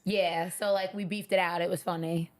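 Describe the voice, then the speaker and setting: A woman's voice: fairly low pitch, little pitch movement, moderate pace. A woman co-hosting a podcast, telling stories in blunt, profane casual chat. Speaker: podcast co-host.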